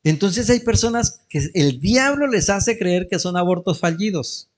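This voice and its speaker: A middle-aged man with a Colombian Spanish accent, a pastor, preaches a church sermon full of anecdotes and jokes with the congregation. His voice is high-pitched and expressive, at a measured pace.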